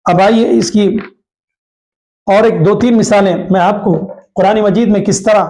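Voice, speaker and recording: A man with a Hyderabadi Urdu accent teaching a tajweed lesson, repeating each rule and slowly drawing out the Arabic example words. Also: high-pitched, steady tone, mellow. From Hyderabad, India. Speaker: Quran recitation teacher. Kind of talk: tajweed lesson, explaining rules.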